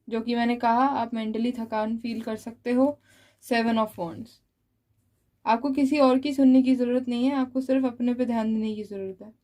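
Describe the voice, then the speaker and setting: High-voiced woman giving a tarot reading. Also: darkish tone, poor audio. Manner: explains each card slowly, addressing the listener directly. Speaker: tarot reader. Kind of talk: monthly tarot reading addressed to viewers.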